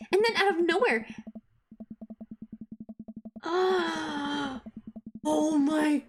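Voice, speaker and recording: A woman's voice: sits high, a bit bright. A woman voicing a moody teenage girl who is hurt and upset by her friends. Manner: dramatic, upset storytelling.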